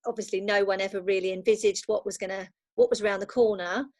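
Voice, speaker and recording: A woman speaks as a podcast guest from a bedroom at home, the sound dry and close. She is agreeable and reflective, often affirming with a quick "absolutely.". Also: mid-range voice, fairly even intonation, a little mellow, dry recording. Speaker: virtual assistant, guest. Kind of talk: casual chat.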